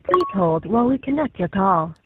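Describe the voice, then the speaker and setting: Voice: mid-range voice, very animated, moderate pace. An automated hold greeting is played as a recorded phone message, in a formal, evenly paced announcement. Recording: tinny phone line with loud static.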